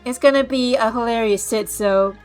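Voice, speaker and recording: A woman's voice: a little high, moderate pace, darkish tone, soft background music. A woman streamer giving snarky, dismissive running commentary on a games showcase. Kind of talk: casual mocking commentary.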